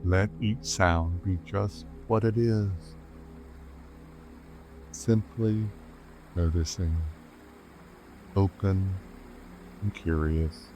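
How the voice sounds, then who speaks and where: A man leads a calm grounding meditation as a guide, speaking gently and unhurriedly with measured pauses. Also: deep voice. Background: rainforest sounds with insects, soft music.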